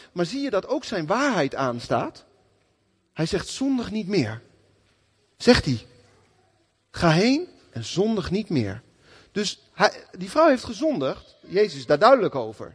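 A man preaching a sermon in a lively, conversational way, often acting out the people he quotes. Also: sits high, husky, in a large hall.

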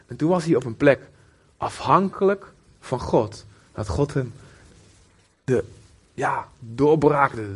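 Guy giving a laid-back sermon, kinda husky, high voice, lots of fillers. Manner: conversational and animated, with many fillers. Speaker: preacher. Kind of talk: informal sermon.

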